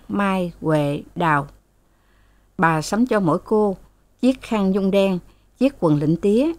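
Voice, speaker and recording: A woman narrating a novel as an audiobook, in a measured storytelling manner. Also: mid-range voice, a little mellow, no echo.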